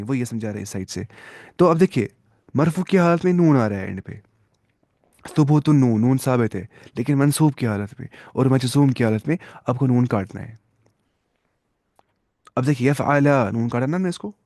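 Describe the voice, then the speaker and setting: A man's voice: mid-range voice, darkish tone, no room sound, clean studio sound. A man teaching grammar rules, patiently asking rhetorical questions and answering them, repeating word forms aloud. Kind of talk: explaining grammar rules step by step.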